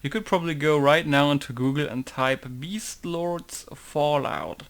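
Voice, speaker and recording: A game modder talks through a tutorial in casual screen-recording commentary, rambling and relaxed and laughing often. His voice is on the high side, smooth, and measured in pace.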